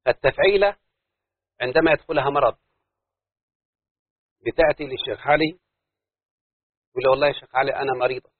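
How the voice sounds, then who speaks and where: A husky, slightly high-voiced man with an Egyptian accent teaches a class, checking again and again that his students understand. The sound is dry and narrow like a phone line. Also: no room sound. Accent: Egyptian Arabic. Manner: keeps quizzing the class, asking if they follow. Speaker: teacher of Arabic prosody. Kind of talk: classroom lesson.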